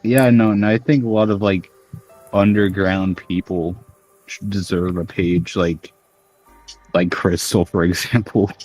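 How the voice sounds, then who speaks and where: A young podcast host with a very deep voice rambles through casual chat, crude and full of fillers. Faint music sits quietly under his talk. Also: steady tone, a little slow.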